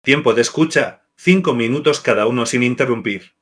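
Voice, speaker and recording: A man narrating scripted devotional marriage advice in an even, measured list-reading delivery. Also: mid-range voice.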